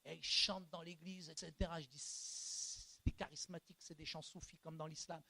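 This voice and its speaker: Male pastor, high voice, bright, animated sermon, street slang, hushed to shouting. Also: normal speed, gravelly. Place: church.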